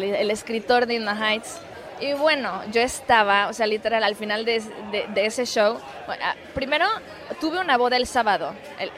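A woman, a musical theater actress telling a story in a casual interview, with lots of restarts and fillers. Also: medium pitch. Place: outdoors in a city.

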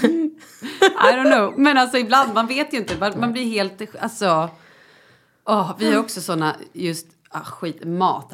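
A woman chatting casually as co-host, teasing and quick with reactions. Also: on the low side, fairly bright tone. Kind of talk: casual chat.

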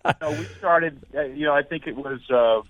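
A man speaks over a tinny, phone-like line with a dry, close sound, and his voice sits a little high for a man. He tells stories energetically, restarting and repeating words as he goes. He gives blunt opinions on marketing. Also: brisk, no echo. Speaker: author and marketing consultant guest. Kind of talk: casual interview storytelling.

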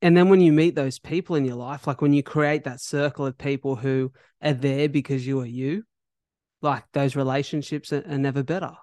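A man's voice: medium pitch, steady tone, moderate pace, warm tone, no echo. An Australian man hosting a podcast, chatting casually and enthusiastically with a sweary, affirming manner into a close microphone. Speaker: podcast host.

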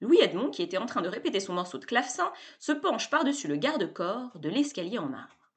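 A woman narrating a children's story in a playful, expressive way. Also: mid-range voice, a little fast.

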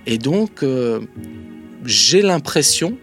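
Guy telling an anecdote casually, lots of ums, talks right to you, soft music underneath. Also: medium pitch, extremely slow. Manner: lively anecdote-telling with many hesitations; speaks straight to the listener. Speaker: interview guest. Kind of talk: casual storytelling.

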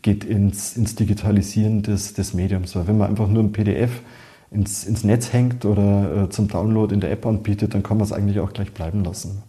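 A man's voice: fairly low pitch, steady tone, fairly quick, dark tone. A man, an expert jury lead, giving his view in a podcast panel discussion, thoughtful and often repeating words while he searches for them.

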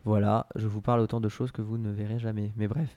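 Male podcast co-host, low mellow voice, dry close sound, hesitant rambling delivery. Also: little pitch movement, quick pace, dry recording. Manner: rambling, hesitant, full of restarts. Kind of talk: casual chat.

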